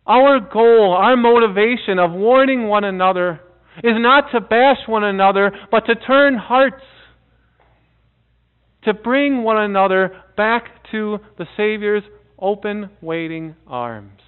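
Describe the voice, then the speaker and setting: A middle-aged male pastor preaching a sermon in a church, earnest, with dramatic pauses and soft drops. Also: high voice, clean tone. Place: church sanctuary before a seated congregation. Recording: tinny phone-like audio.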